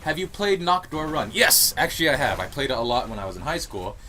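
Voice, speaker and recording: Bright-voiced young man chatting. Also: medium pitch, big pitch swings, quick pace, slight background noise. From United States. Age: young adult. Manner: chatty and rambling, laughs often. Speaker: YouTube gaming channel host. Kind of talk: casual Q&A monologue. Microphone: home voice recording.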